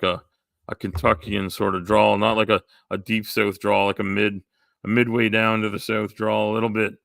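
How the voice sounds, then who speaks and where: A man hosting a casual livestream chat, rambling with lots of fillers and going hoarse. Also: lowish voice, a bit bright, dry recording, clean studio sound. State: losing his voice. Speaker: live stream host.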